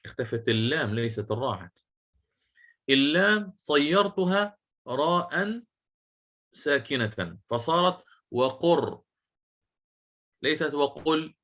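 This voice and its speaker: A man teaching a class on Quranic recitation rules. He puts questions to his students, repeats key phrases slowly and chants short verses in a measured tone. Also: on the high side, fairly bright tone. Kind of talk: classroom lecture on tajweed.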